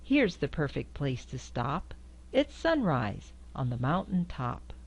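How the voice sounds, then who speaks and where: Seated indoors before a quilt backdrop, an older woman reads a picture book for children to a camera facing her, singing out the lines and squeaking up high at the horn noises. She's very animated, slow-paced, with a breathy edge.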